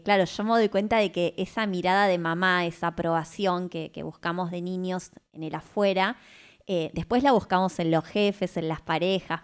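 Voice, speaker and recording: A woman radio host talks thoughtfully in a reflective conversation, explaining things and often ending her points with a questioning tag. Her voice sits on the low side, clear and resonant.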